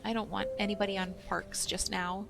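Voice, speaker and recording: A woman's voice: medium pitch, flat delivery, a little fast, gravelly, over music. A young woman hosting a let's play, chatting casually and thinking aloud as she plays. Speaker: gaming channel host.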